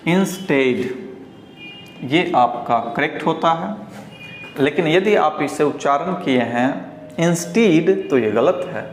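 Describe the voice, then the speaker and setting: An Indian man from Bihar teaching English pronunciation, slowly repeating each word several times and drawing out the model words. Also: fairly high pitch, expressive. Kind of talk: pronunciation lesson. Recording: roomy echo, faint background hiss.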